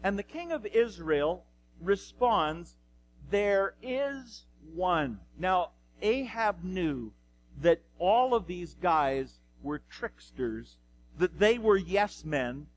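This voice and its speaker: A man preaching a sermon, slowly and dramatically retelling a scripture story. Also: high-pitched, lively intonation, slight background noise, poor audio. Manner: slow, dramatic retelling of scripture with acted quotes.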